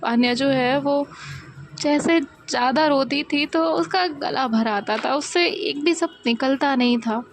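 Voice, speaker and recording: A woman telling an emotional love story in a slow, gentle storytelling cadence. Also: high-pitched, a little hiss or hum.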